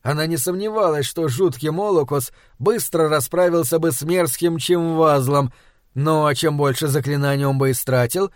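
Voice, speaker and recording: Guy reading a fantasy audiobook, kinda high voice, measured pace, dead dry studio. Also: no room sound. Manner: measured storytelling. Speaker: audiobook narrator. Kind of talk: scripted narration.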